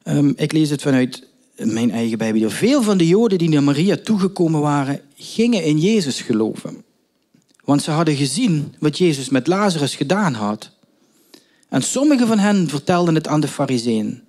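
A man's voice: fairly high pitch, lively intonation, normal speed, darkish tone. A male preacher telling a story in a sermon, with emphatic questions and thoughtful hesitations.

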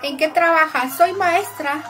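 High-voiced woman streamer chatting. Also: expressive, moderate pace, a bit bright. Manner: chatty, upbeat, greets and thanks viewers by name. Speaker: live streamer, teacher. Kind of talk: casual live-stream chat reading viewer messages. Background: music.

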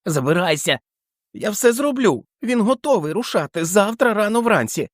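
A man voicing a terrified, hysterical old man who pleads in shrill outbursts in an audiobook. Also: big pitch swings, normal speed, no echo, studio quality. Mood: frantic. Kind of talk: audiobook character voice.

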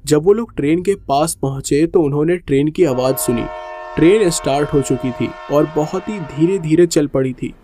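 A man narrating a horror story in a steady, suspenseful way. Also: a little high, normal speed, slight background noise.

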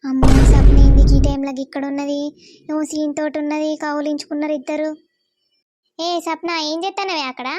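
A woman's voice: high voice, little pitch movement, warm tone, highs cut off, slight background noise, close to an everyday voice. A woman voicing a scolding village mother. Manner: scolding, reproachful, rapid. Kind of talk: cartoon voice acting.

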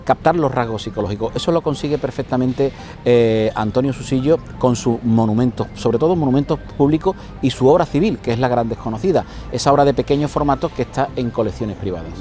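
Middle-aged male painter guest, mellow timbre, hesitant and measured, recorded outdoors. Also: medium pitch, faint music behind. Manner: measured, explanatory, with many hesitant "eh" fillers. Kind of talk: outdoor conversation about art. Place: city square outdoors.

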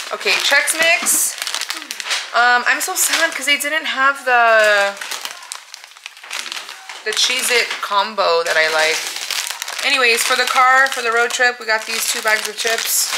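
An American woman talks casually to her viewers, thinking aloud with plenty of fillers and a tired edge. Household noise runs clearly behind her voice. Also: on the high side, takes it slowly, long pauses. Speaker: vlogger. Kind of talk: casual chat.

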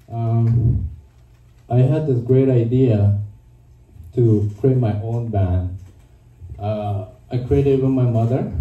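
A man's voice: mid-range voice, noisy background. A young man from Korea doing a stand-up set on a small club stage with a handheld mic, hesitant and full of ums, recorded from the audience. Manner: hesitant, lots of ums and uhs. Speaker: stand-up comedian. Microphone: handheld mic, filmed from the audience. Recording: muffled, distant, echoey club from the crowd. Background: audience laughter and room ambience.

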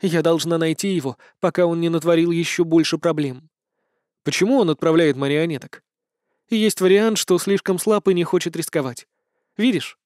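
A man's voice: on the high side, normal speed, a little mellow, dry recording, clean studio sound, close to an everyday voice. A male audiobook reader voicing a fierce, emotional young woman with divine power. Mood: worried. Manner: emotional, protective. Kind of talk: audiobook dialogue.

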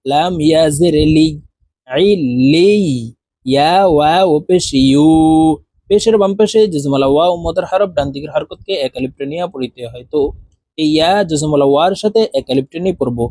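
A man teaching Quran reading, spelling out letters one by one and then blending them slowly into whole words. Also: a little high, warm tone, no echo. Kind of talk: reciting lesson, spelling letters aloud.

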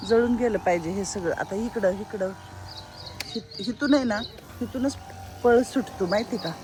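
A woman caretaker at an old-age home, calming the residents in casual talk. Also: mid-range voice, normal speed, background noise. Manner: soothing, calms residents.

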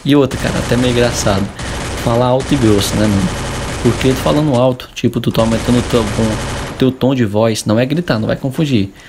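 A man's voice: mid-range voice, fast talker, background noise. A young Brazilian man coaching gamers in a casual advice vlog, chatty and full of tag questions. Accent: Brazilian Portuguese. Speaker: gaming coach.

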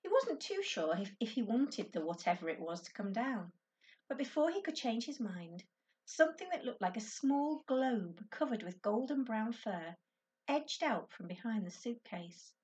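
A woman teacher reads a children's book aloud to her class, telling the story clearly and expressively. Her voice is a little high, and she sounds set back from the mic. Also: big pitch swings, normal speed, a little mellow, recorded from a distance.

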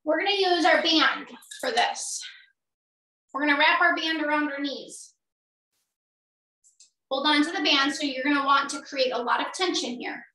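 A middle-aged woman leading a workout as an energetic aerobics instructor, counting and cueing while exercising along. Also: high-pitched, moderate pace, pauses often. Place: small indoor home gym. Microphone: far camera a few metres away. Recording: roomy echo, distant microphone.

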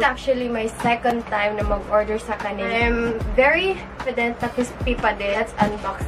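A woman with a Filipino accent, gushing through a casual unboxing vlog in her bedroom and mixing English with Tagalog. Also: medium pitch. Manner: gushing, excitable exclamations. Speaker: vlogger.

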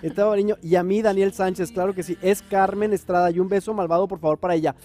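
A man's voice: sits high, fairly even intonation, quick pace, warm tone. A man co-hosting a live morning TV show, joking playfully and reading viewer messages aloud, with a Northern Mexican accent. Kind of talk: lively morning TV chat. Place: TV studio.

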